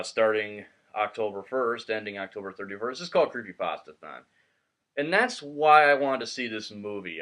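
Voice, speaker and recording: A man in a relaxed, chatty mood hosts a movie review, his voice sitting a little low. He talks into a laptop microphone and laughs easily between his points. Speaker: host of a movie review channel. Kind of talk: casual movie review chat.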